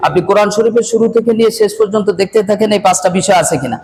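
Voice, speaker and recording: A man's voice: sits high, very fast. A male Quran reading teacher, giving a classroom lesson by a board, quizzing his students and having them repeat after him. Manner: quizzes the class and drills repetition. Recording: echoey room, loud background noise.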